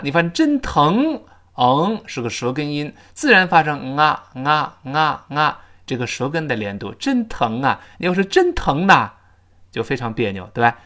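An English teacher, explaining pronunciation and leading slow repeat-after-me drills. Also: mid-range voice, a bit bright. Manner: slow, exaggerated modelling of English phrases between explanations.

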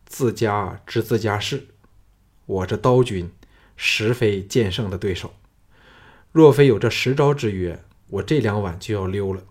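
A man voicing a confident, easygoing young male swordsman who talks in a relaxed, slightly wry way, with a low, husky voice. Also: measured pace.

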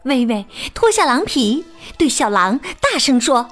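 A woman teacher reading a children's picture book aloud, expressive and sing-song with plenty of exclamations. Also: high-pitched, a little slow, soft background music. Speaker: storyteller teacher.

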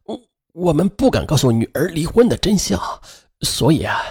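A downtrodden, anxious father who stammers and pleads, voiced by a man narrating. His voice drops low and husky with lively swings of pitch. It suits a dramatized radio story. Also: normal speed, heavily acted. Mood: pleading.

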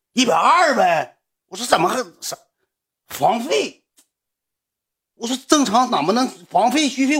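Husky, animated Northeastern Chinese man. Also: sits high. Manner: animated, colloquial, swings between loud and hushed. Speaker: livestream host. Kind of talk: casual storytelling to a livestream audience.

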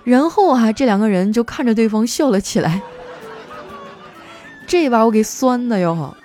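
Chatty woman telling office stories, mellow voice, bouncy pitch, faint music behind. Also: animated, normal speed, some chatter behind. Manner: chatty, playful, acts out quoted coworkers. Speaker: host. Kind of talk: comic storytelling monologue.

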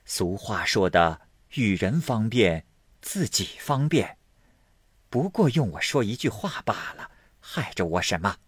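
A man voicing a shrewd, talkative middle-aged housekeeper woman in a spoken storybook, brisk and knowing in manner. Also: on the low side, very animated, husky, dry recording, full character voice. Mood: offhand.

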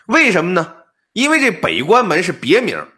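A man telling an old ghost story on a podcast, explaining details in an animated, comic patter. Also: high voice, moderate pace. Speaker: storyteller, co-host.

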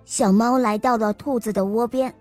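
A woman telling a bedtime story to children in a warm, sing-song way. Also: a little high, fairly even intonation, moderate pace. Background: faint music.

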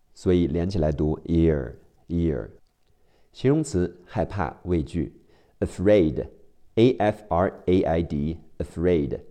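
A male teacher drilling English word spellings letter by letter, slow and deliberate. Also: deep voice, mellow. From China.

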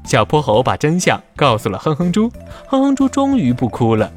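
A man narrating a scripted children's story in a dramatic, expressive way. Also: on the high side, moderate pace, soft background music.

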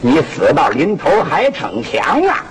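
A man's voice: on the high side, wildly swooping pitch, measured pace, rough recording. A man with a Shandong accent voicing a brutal, bullying male prison warden who barks his threats, on a hissy old recording. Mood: threatening. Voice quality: barking, menacing.

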